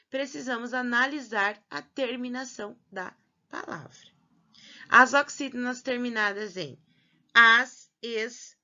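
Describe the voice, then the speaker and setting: Slow, patient teacher woman. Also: a little high, pushed and bright. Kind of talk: recorded grammar lesson for pupils. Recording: dull lo-fi recording.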